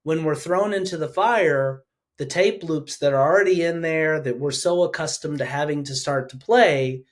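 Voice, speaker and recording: A man hosting a podcast interview, talking in a casual, animated, chatty way. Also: on the high side, normal speed. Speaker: podcast host.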